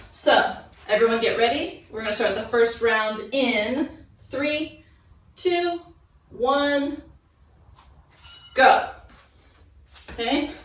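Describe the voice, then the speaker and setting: A woman leading a workout class in fitness influencer style, giving instructional, encouraging cues and counts. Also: on the high side. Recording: echoey room, distant microphone.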